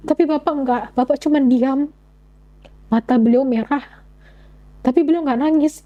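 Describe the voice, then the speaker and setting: Earnest young woman, warm low tone. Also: rough recording. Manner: earnest, halting retelling with frequent restarts. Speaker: interview guest. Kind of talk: personal testimony in an interview.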